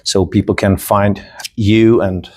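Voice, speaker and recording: A man, hosting a casual interview in a friendly, halting way. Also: fairly low pitch, little pitch movement, a little mellow. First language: Czech. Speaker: podcast host.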